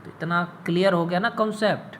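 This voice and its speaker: A man's voice: high-pitched, fairly even intonation, a bit bright, slight background noise. A man teaching English pronunciation in Hindi, drawing out and repeating each word with teasing asides. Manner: slow, drawn-out words, repeats terms for learners, teasing asides.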